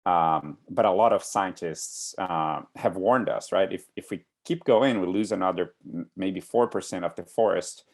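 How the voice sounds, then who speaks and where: A man's voice: low-pitched, moderate pace, hardly any pauses, darkish tone. A man from Brazil giving an online class presentation, speaking with many fillers and restarts. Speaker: guest speaker. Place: home in Brooklyn.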